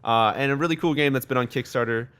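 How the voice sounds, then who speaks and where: A man's voice: mid-range voice, fast, a bit bright, smooth. A man hosting a casual gaming podcast, reading out news in a rambling, swear-filled way and stumbling over game names.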